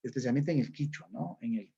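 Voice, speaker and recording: A man's voice: medium pitch, brisk, gravelly, mellow, muffled recording. A man from Ecuador with an Ecuadorian accent, teaching a class and explaining step by step, often checking in with his listeners. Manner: explanatory, often adds "¿no es cierto?". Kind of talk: recorded class lesson.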